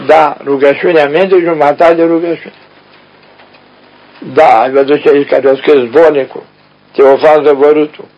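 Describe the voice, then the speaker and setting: A man's voice: a little high, fairly even intonation, pauses often. A man preaching a spiritual sermon in a folksy way, speaking straight to his listeners and asking them questions. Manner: folksy, addresses listeners directly with rhetorical questions. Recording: dull lo-fi radio recording.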